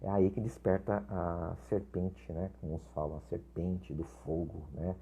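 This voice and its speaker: A man teaches an informal class on spiritual topics. His voice sits low, with a husky edge and a very dark, mellow tone. He talks in a loose, chatty way, with frequent tag questions and restarts. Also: little pitch movement, measured pace. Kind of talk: informal recorded lesson.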